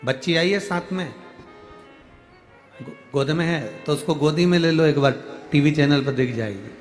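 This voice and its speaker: A man's voice: on the high side, measured pace, faint music behind. A man preaching a devotional sermon to a large crowd, reading out a letter and speaking with emotion, his voice swelling on key words. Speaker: kathavachak preacher. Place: large crowded outdoor religious gathering.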